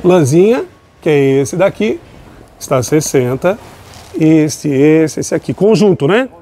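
Walking a busy outdoor street market at night, a shopping vlogger with a slightly high, warm voice films on a handheld phone and chats with vendors. His intonation is lively and his pace slow as he keeps up an upbeat, chatty patter for his viewers.

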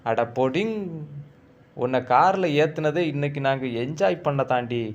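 A man's voice: a little high, measured pace, highs cut off. A man voicing a callous male driver who mocks the woman he lured. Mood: scornful.

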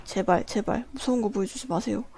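A woman's voice: medium pitch, brisk, gravelly, dark tone, slightly rough. A woman streamer playing a horror game as a panicking gamer, shrieking and pleading as she commentates live.

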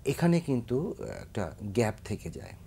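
A man's voice: medium pitch, very animated, normal speed, dark tone, a little hiss or hum. A man, a singer who is a guest on a Bangladeshi TV talk show, speaking earnestly about correct pronunciation, with a Bangladeshi Bengali accent. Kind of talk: studio interview.

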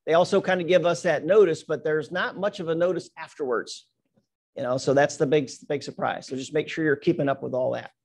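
A man's voice: fairly high pitch, fairly even intonation, brisk, vocal fry, darkish tone. A man leading an office team meeting, reading announcements and birthdays in an upbeat, teasing way with many "right?" asides. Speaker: meeting leader.

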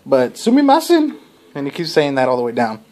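A man's voice: steady tone, fast, a little mellow. Rambling, profane comic-book reviewer, man. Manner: rambling, laughing, profane, with sudden jumps in pitch. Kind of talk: casual spoken review.

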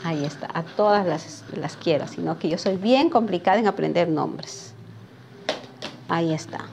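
A sewing teacher leads a live lesson at a cutting table in her workshop, drafting a pattern as she chats with viewers by name and keeps asking "¿sí?" to check in. Her voice sits fairly low, with vocal fry, and she speaks slowly with long pauses. The background is noisy.

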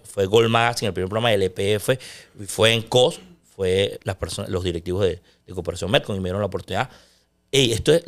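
Man, middle-aged, sports commentator, loud intense delivery, casual interview talk. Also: lowish voice.

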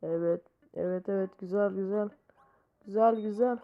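A woman's voice: mid-range voice, steady tone, moderate pace, dull audio. A woman hosting a gaming channel, giving casual commentary as she plays and breaking into exasperated exclamations. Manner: exasperated exclamations while playing.

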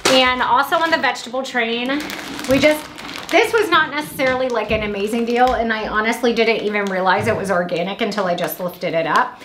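A woman in her thirties from Indiana, chatting upbeat at home through a grocery haul vlog, with quick asides. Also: a little high, fairly bright tone, roomy sound, slight background noise. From Indiana, USA. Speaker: vlogger. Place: small room at home.

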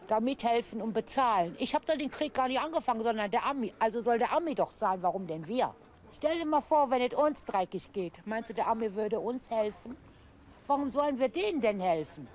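A woman's voice: on the high side, expressive, normal speed. A woman passerby speaking bluntly and arguing her case in an outdoor street interview. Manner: blunt, argumentative.

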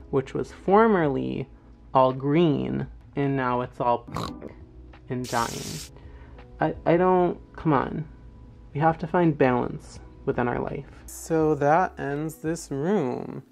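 A man's voice: mid-range voice, gravelly. A man in his twenties narrating a casual home plant tour with wry, playfully dramatic asides, talking over passing trucks. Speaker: houseplant vlogger. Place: indoors at home by an open window. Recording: background noise from passing trucks. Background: passing truck traffic noise.

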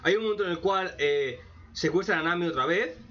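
A man giving a sarcastic, profane anime commentary rant, with mocking asides and sudden loud outbursts. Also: high voice, brisk, slight background noise. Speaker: anime reaction youtuber. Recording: dull lo-fi mic.

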